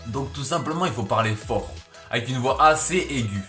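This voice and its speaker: A man's voice: medium pitch, animated, normal speed, sharp tone. A young man hosting a casual impression tutorial, chatty and rambling and making fun of himself. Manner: chatty, rambling, and self-mocking. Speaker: YouTube impressionist. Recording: echoey room, faint background music.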